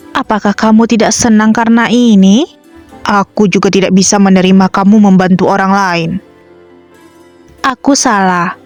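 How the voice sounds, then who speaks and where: A woman reads a romance comic aloud in a scripted style, taking on every part herself. Her voice sits at a middle pitch and stays even and steady. Faint music plays softly behind her. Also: dry recording. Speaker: comic dub reader. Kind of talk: scripted reading of a romance comic, voicing all parts. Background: faint background music.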